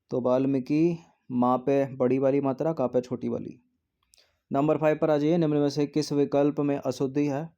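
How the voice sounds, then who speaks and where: A man's voice: fairly high pitch, warm tone, lo-fi sound. A man teaching an exam practice test, explaining each answer and repeating words as he checks the options.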